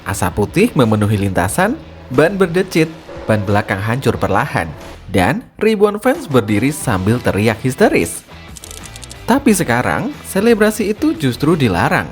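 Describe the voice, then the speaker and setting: A man giving scripted, energetic narration in a casual, slangy way, building drama as he explains. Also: medium pitch, normal speed, soft background music.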